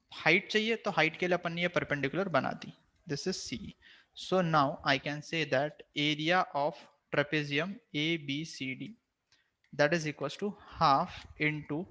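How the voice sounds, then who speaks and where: A man's voice: on the high side, sharp tone. A man with an Indian accent teaching a maths class online, mixing Hindi and English, firm but reassuring with his students.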